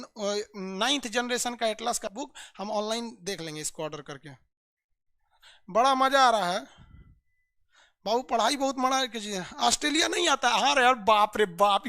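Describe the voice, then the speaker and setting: A man teaching geography in an online class, lively and teasing, calling his students "babu". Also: very high-pitched.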